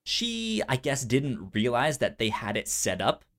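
This podcast co-host chats casually, telling stories in a mid-range, fairly bright voice with a sing-song, unhurried lilt. He stutters on the first sounds of words and acts out the conversations in his anecdotes.

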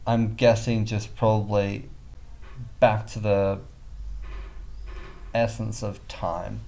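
A man's voice: fairly low pitch, flat delivery, slow pace, creaky, mellow, slight background noise. A young Australian man with a lisp, a podcast guest talking casually and hesitantly with lots of ums. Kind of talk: casual interview chat.

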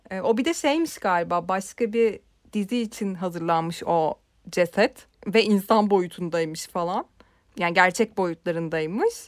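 A woman's voice: mid-range voice, no echo, clean studio sound. A woman co-hosting a film podcast, chatting casually and expressively with frequent fillers and laughter. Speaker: podcast co-host.

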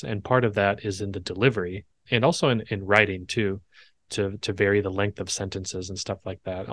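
A podcast host with a lowish voice, musing aloud and circling back on his words as he builds a point. The recording is dry and close, without any room echo. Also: a bit bright. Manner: thoughtful, rambling with restarts. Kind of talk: casual interview chat.

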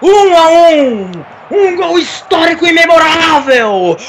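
Explosive, very high-pitched Brazilian goal commentator man. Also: animated. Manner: shouting, drawn-out dramatic phrases. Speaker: football play-by-play commentator. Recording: noisy live stadium broadcast.

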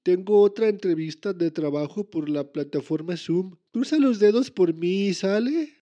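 A man playing a soft-spoken, hesitant father who is out of work. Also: high-pitched, animated, a little slow, lo-fi sound. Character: gentle, unemployed father. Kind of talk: comedic voice acting.

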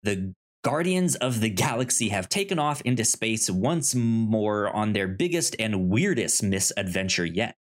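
A man with a fairly low, lively voice co-hosts a podcast at an unhurried pace, chatting casually as he pitches comics and reads blurbs aloud. He often stammers on the first syllables of words.

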